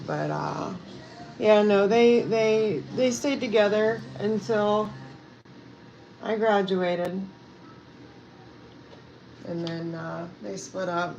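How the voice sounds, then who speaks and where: Speaking extremely slowly at a medium pitch, with vocal fry, long pauses, and a slightly mellow tone, a woman talks over lo-fi audio with a little hiss or hum. She is a self-care coach and vlogger from Pennsylvania, USA, answering viewers in a rambling, filler-heavy live chat at home while background music plays.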